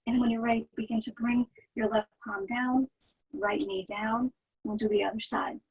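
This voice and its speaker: A woman teaching yoga, guiding the poses in a soothing, gentle manner with a slightly husky, breathy voice. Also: a little high, steady tone, normal speed, dull audio. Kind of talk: guided yoga instruction.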